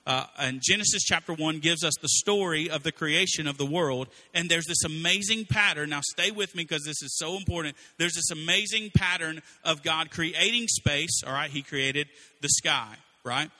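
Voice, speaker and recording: A man's voice: on the high side, normal speed, few pauses, pushed and bright. A man preaching a sermon, telling a story in a conversational way with frequent asides to the congregation. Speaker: pastor.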